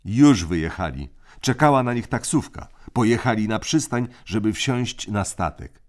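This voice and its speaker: A man's voice: fairly low pitch, animated, moderate pace, pitched above the performer's own voice, natural voice. A man voicing a bossy, domineering boy who lectures his siblings in a stern tone. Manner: stern, lecturing, hands out points.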